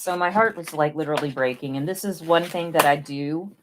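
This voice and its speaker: Against a noisy background, a woman speaks low-pitched and brisk in a Tennessee accent. Streaming her balloon twisting live, she keeps the chat casual and playful, frequently making self-deprecating jokes.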